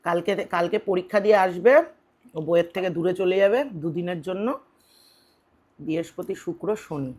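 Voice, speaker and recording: A woman's voice: lowish voice, moderate pace, slightly rough. A woman in her thirties chatting casually on her home eating show, teasing and bickering playfully. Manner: swings between soft reflective and loud animated. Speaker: mukbang vlogger.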